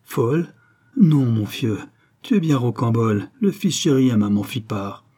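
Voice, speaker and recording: A man reading aloud, voicing a hoarse, raspy old woman ragpicker who dotes on her adopted son. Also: medium pitch, animated, a little slow, warm tone. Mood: shrill. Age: older.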